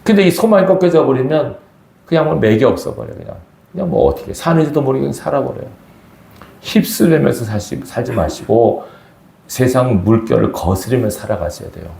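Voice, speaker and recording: A man's voice: medium pitch, big pitch swings, brisk, creaky, warm tone, echoey room. A man preaching a sermon as pastor, talking to the congregation in a conversational, emphatic way and asking rhetorical questions. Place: church sanctuary.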